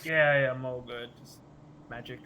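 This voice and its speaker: Male game player, mid-pitched and even, casual halting role-play talk, clear background noise. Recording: clearly noisy room recording.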